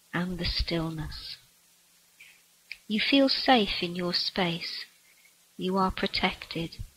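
A woman leads a guided relaxation meditation in a soft, breathy voice that sometimes sinks to a whisper. She speaks very slowly, with a bright tone set a little low. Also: low-quality recording.

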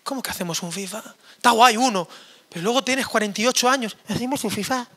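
A hoarse male pastor preaching an energetic, joking sermon to young people in a church, acting out quoted voices. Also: high voice, fast talker. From Spain. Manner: animated, jokey, acts out quoted voices. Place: church hall.

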